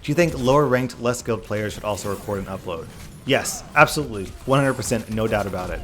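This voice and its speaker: A man's voice: lowish voice, animated, fast, fairly bright tone. Earnest man chatting, some background noise. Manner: earnest, emphatic, repeats phrases in runs for emphasis. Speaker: YouTube gaming content creator. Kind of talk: casual Q&A vlog talk, reading questions and answering.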